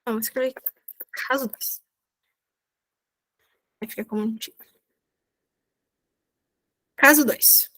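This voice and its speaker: A woman's voice: fairly high pitch, takes it slowly, pauses often, a bit bright. A young woman teaching a language lesson over a video call, chatty, checking in with her students every few sentences. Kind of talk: online class explanation.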